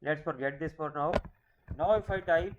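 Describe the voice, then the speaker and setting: A man's voice: a little high, normal speed. Patient man teaching code, lo-fi. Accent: Pakistani English. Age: 30s. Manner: patient, repeats points, self-corrects. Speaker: programming teacher. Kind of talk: screen-recorded coding lecture. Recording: dull lo-fi mic with faint hiss.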